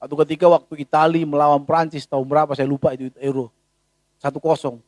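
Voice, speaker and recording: A pastor preaching a sermon in a casual, animated way, full of rhetorical questions. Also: male voice, fairly high pitch, fast talker, no echo, clean studio sound.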